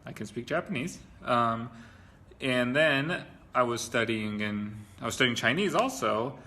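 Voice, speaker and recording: A man's voice: mid-range voice, animated, a little slow, bright, forceful tone. A man from the USA, speaking about his life abroad in an upbeat way, with frequent "um". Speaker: expat interviewee. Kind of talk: casual talk to camera.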